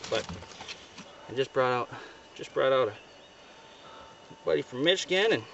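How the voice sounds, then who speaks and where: A young northern Ontario fishing guide shows off his catch from a boat on a lake, chatting cheerfully to camera and leaning on fillers like "right" and "you know." His medium-pitched voice is expressive with vocal fry, at a moderate pace. A companion films from a few feet away; the distant outdoor audio is noisy, with highs cut off and a loud crowd.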